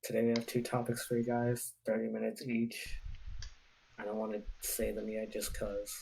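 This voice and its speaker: A young man hosting a casual podcast over a voice call, quiet and teasing in a deadpan way. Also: lowish voice, normal speed, creaky, a little hiss or hum, rough recording. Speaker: podcast host. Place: at home on a voice call.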